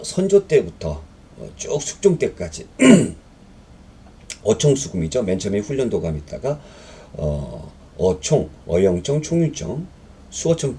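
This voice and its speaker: A man's voice: medium pitch, dark tone, slight background noise. A man teaching a history exam-prep lecture in a conversational way, reading questions aloud and explaining them with fillers and rhetorical questions.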